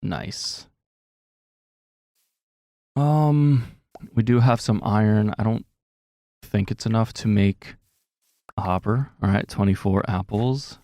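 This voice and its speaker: A man's voice: lowish voice, takes it slowly, pauses often, warm tone, no echo, studio quality. A man giving casual, rambling gameplay commentary, full of fillers and self-corrections, with a slightly sore throat. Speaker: gaming commentator.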